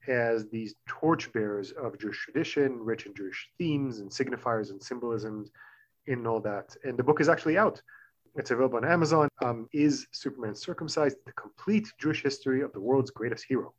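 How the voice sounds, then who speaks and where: A man in middle age talks through his ideas as an interview guest, fluent and a little professorial, often speeding into quick bursts. His voice sits at an ordinary pitch for a man. The audio sounds a bit dull and lo-fi. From Israel. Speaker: author and guest. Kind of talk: explanatory interview talk.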